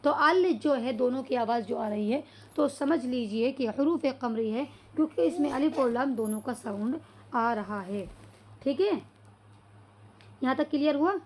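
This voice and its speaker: High-voiced woman teaching Arabic step by step. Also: a little slow, a little mellow, slight background noise. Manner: repeats questions and answers them herself; checks understanding with "clear so far?". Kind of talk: classroom-style lesson.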